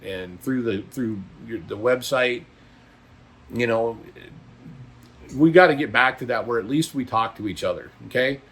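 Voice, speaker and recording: This is a casual vlog monologue by a trucker and video blogger, a middle-aged or older man. He speaks at a medium pitch with a fairly bright tone, addressing viewers in a blunt, folksy, emphatic and opinionated manner.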